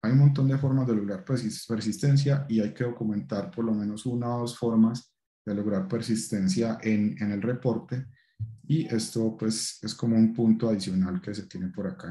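A man's voice: on the low side, dark tone, echoey room. A man giving a technical meetup presentation over a video call, hesitant with many fillers and restarts.

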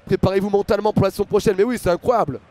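A young man with a French accent doing live football commentary for a stream, excitable, with many fillers, talking to his chat viewers. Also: high-pitched, very fast, faint music behind.

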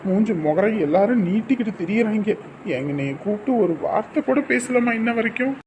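A man's voice: high voice, expressive, fairly quick, highs cut off, noisy background. A young man playing a husband and son who grumbles and sounds exasperated.

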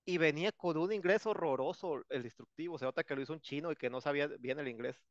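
A man's voice: a little high, fast, no echo. Joking Mexican male English teacher. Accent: Mexican Spanish. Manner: joking, colloquial asides. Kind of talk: casual recorded lesson. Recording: dull lo-fi dry sound.

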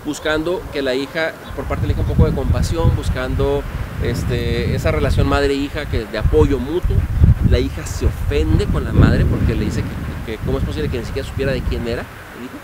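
A middle-aged man, a museum guide telling old legends in an animated, storytelling way, putting questions to the audience. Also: mid-range voice, fairly quick. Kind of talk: storytelling tour explanation. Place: outdoor park museum among statues. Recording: outdoor background noise.

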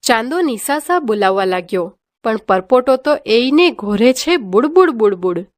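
A woman's voice: on the high side, normal speed, no echo, clean studio sound. Woman reading a children's story aloud. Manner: lively sing-song reading with sound words. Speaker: teacher reading a textbook story.

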